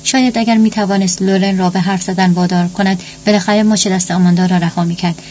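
A woman narrating a suspense novel in a steady, dramatic reading. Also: medium pitch. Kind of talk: audiobook narration. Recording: dull lo-fi recording with faint hum.

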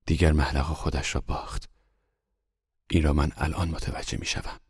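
A man reads a story aloud with a very low, husky voice, taking his time over each sentence. The sound is dry and close, with no room around it. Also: little pitch movement, no room sound. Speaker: narrator. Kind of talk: audiobook narration.

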